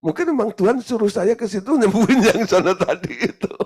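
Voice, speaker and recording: A male pastor telling a story in a teaching sermon, lively and often laughing. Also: high-pitched, a little fast, husky.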